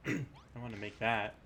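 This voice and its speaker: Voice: medium pitch, slow pace, creaky, a bit bright, a little hiss or hum. A gaming streamer giving casual, off-the-cuff commentary while playing.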